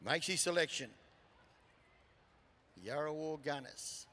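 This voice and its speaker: Aussie guy calling a live campdraft over the pa, highish voice, big echoey arena. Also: slow pace, bright, forceful tone. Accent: Australian. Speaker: arena commentator and announcer. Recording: PA echoing through large arena.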